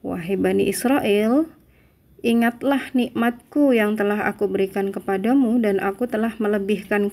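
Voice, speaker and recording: A woman's voice: medium pitch, darkish tone. Indonesian woman teaching Quran lessons. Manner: conversational, explanatory, with frequent confirming tags. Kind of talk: religious lesson, reciting verses then explaining them.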